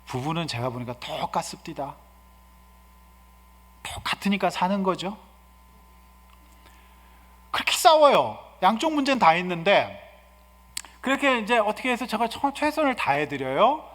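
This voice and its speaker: A man in his fifties preaching with a fairly high, very animated voice that rises from quiet asides into ringing exhortation. Long church reverb hangs behind every phrase. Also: moderate pace, long pauses. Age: 50s. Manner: lively preaching that swings from soft asides to loud exhortation. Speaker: guest pastor. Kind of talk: sermon. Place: church sanctuary.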